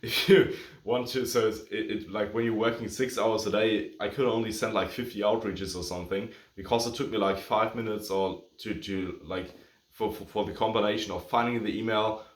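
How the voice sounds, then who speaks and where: A man's voice: lowish voice, steady tone, brisk, roomy sound. A man whose first language is German, giving casual advice to agency owners, a bit out of breath, rambling with lots of fillers and self-corrections. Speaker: agency coach. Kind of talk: casual talking-head advice video.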